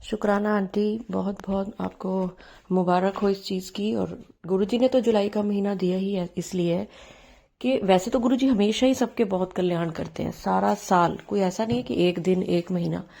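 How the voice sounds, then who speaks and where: A woman's voice: mid-range voice, steady tone, moderate pace, creaky, dark tone. A woman hosting a devotional channel, talking earnestly to her followers in a pleading, repetitive way with frequent restarts, from her home. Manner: earnest, pleading, repeats herself with many restarts. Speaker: channel host sharing devotees' testimonies. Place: home room.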